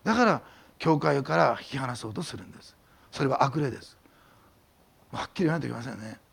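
A man, preaching a sermon as pastor, telling a testimony with animated storytelling and sudden drops to whispers. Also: medium pitch, fast, creaky, breathy edge.

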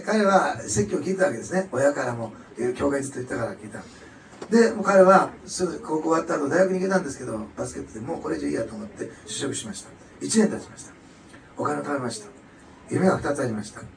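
Male pastor, rapid animated sermon delivery, roomy hall sound with faint ambience behind. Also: medium pitch, gravelly, recorded from a distance, a little hiss or hum. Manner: animated, rising to loud emphatic passages then dropping soft. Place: church hall. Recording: echoey hall, mic some way off.

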